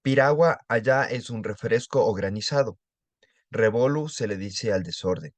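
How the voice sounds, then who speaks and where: A man's voice: lowish voice, lively intonation, moderate pace, no room sound. A man giving a class presentation, plainly listing word examples.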